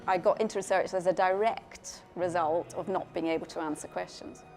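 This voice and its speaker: A woman's voice: on the low side, steady tone, brisk, music in the background. A middle-aged woman, a clinician scientist from Scotland raised in Belgium, talking thoughtfully in a profile interview, often restarting and repeating words as she explains. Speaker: clinician scientist in paediatric dermatology.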